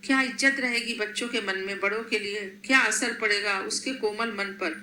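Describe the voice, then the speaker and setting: A woman doing a soft-spoken old granny, caring but firm, bright voice in an echoey room. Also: medium pitch, fairly even intonation, normal speed, a little hiss or hum, lightly acted. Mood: stern. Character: gentle, protective elderly grandmother.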